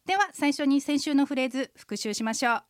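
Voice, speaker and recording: A woman hosts a radio language lesson in a fairly high voice. She explains each phrase patiently and clearly, often with a quick "hai". Her voice sounds dry and close, like a studio. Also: expressive, no room sound.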